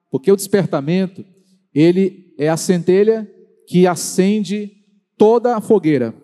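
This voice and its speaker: A Brazilian pastor preaches in a high, dark-toned voice. He stretches out key words and puts direct questions to his listeners. His voice rings with the long reverb of a large church hall. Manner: preaching with slow, drawn-out emphasis and direct questions to the congregation. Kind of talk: sermon. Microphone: handheld or stand microphone.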